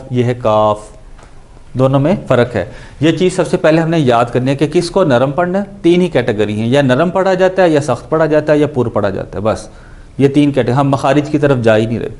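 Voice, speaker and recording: A man teaching Quran recitation, patiently explaining and repeating syllables slowly to show how each letter sounds, with English words mixed in. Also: mid-range voice, a little mellow. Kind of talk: explanatory lesson on pronunciation.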